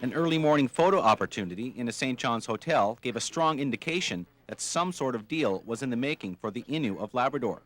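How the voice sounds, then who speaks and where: A man's voice: medium pitch, lively intonation, a little fast, hardly any pauses, fairly bright tone. Man reporting television news. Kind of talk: scripted news report narration.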